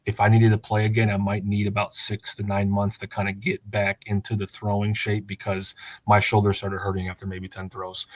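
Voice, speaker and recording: Relaxed man of thirty, low flat voice. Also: dry recording. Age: 30s. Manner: relaxed, chatty, many fillers and restarts. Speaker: guest, former college quarterback. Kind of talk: casual podcast chat.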